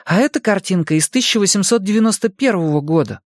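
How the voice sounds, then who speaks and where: A man's voice: sits high, lively intonation, fast, no echo, studio quality, pitched above the performer's own voice. A man voicing Mike, an earnest boy eagerly explaining old pictures.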